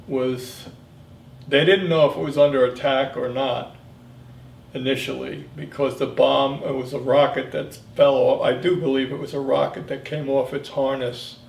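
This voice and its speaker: A man in his seventies, a military veteran, reminiscing in an interview in a halting, reflective way. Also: mid-range voice, vocal fry, darkish tone. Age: 70s. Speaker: Vietnam veteran being interviewed. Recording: echoey room, distant mic, faint noise.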